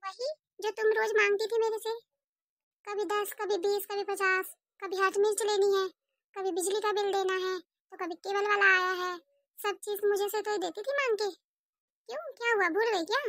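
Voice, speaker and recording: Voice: very high-pitched, steady tone, normal speed, bright, forceful tone, dry recording, exaggerated voice. A performer voicing an exasperated adult housewife in a cartoon, grumbling and complaining about money she has lent. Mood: indignant. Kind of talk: cartoon voice acting.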